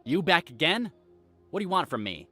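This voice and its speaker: A man's voice: on the high side, very animated, fairly quick, sharp tone, faint music behind, exaggerated voice. An actor playing a cocky, hostile handyman in a video game, brash, boastful and confrontational. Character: cocky, hostile man, arcade-loving handyman.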